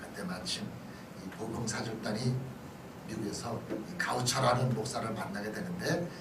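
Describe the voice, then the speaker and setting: A male pastor gives a chatty history lecture in a church hall, often checking in with listeners through questions and asides. He speaks at a moderate pace in a lowish voice, captured by a distant mic in an echoey, noisy hall.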